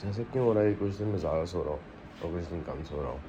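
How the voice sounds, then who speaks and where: A man's voice: low-pitched, racing, dark tone, muffled recording, a little hiss or hum. A man talking casually to the camera in a daily vlog, thinking aloud and switching between Hindi and English. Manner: mixes Hindi and English, reflective and chatty. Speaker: vlogger.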